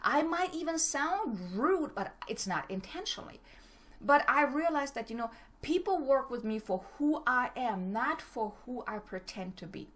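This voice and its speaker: This motivational talk comes from a middle-aged business coach from Germany who speaks with a German accent. She's fast, direct, and prone to tripping over words, and her voice sits high, expressive and a bit bright.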